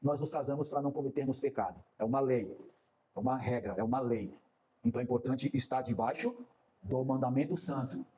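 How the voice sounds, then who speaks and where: A man preaching a sermon as pastor, animated and acting out quoted dialogue. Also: mid-range voice, a little fast.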